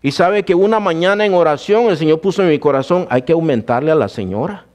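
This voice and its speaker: A man's voice: a little high, lively intonation, fast, a little mellow. Man preaching a testimony sermon. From Guatemala. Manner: addresses listeners as brother, storytelling.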